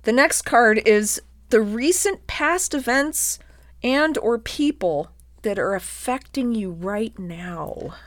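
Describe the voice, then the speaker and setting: A woman's voice: a little high, expressive, slow pace, no echo. A woman hosting a crude, teasing comedy chat, laughing often and sniffly. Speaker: host reading comedic tarot-style cards.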